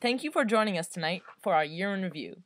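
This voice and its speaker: A woman's voice: mid-range voice, lively intonation, quick pace, fairly bright tone, dry recording. Girl anchor doing the sign-off, bouncy delivery, dry close sound. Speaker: news anchor. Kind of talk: amateur mock news sign-off.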